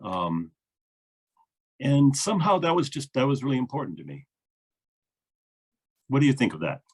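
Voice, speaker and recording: A man's voice: mid-range voice, sing-song, moderate pace, slightly rough. A man, a minister, interviewing a guest in an earnest, thoughtful way with frequent fillers. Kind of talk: reflective conversation.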